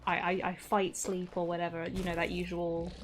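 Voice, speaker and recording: A softly spoken woman chatting casually as co-host on a game stream, rambling with many fillers. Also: fairly low pitch, completely flat delivery, moderate pace, a little hiss or hum. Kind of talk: casual live-stream chat.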